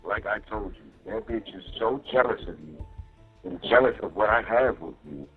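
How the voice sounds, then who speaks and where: This inmate's voice is lowish with a breathy edge, animated and at a moderate pace, as he vents to his partner over the phone. He's casual and profane, rambling and repeating himself with "you know what I mean," while the jail line sounds muffled and faint music plays.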